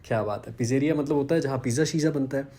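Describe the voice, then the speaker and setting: A man's voice: mid-range voice, very fast, warm tone. A man, chatting casually in a vlog and poking fun at himself. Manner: chatty, self-deprecating, conversational. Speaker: vlogger.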